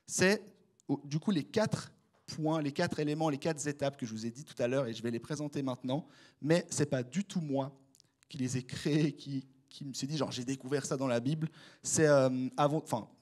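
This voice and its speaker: A man's voice: medium pitch, moderate pace. A young man with a Swiss French accent preaching a casual, conversational sermon, speaking straight to his listeners. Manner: animated, conversational, addresses the congregation directly.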